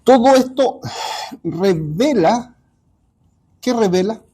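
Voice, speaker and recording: A man teaching a Bible study class, pausing often and checking in with his listeners. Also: sits high, animated, mellow, slightly rough. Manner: halting, repeats ¿ya? to check understanding.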